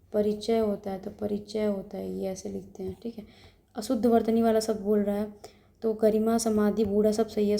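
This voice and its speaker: Dark gravelly-voiced woman teacher. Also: mid-range voice. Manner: brisk, explains each option, repeats words and says "ठीक है". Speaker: exam coaching teacher. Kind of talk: solving a Hindi practice test aloud.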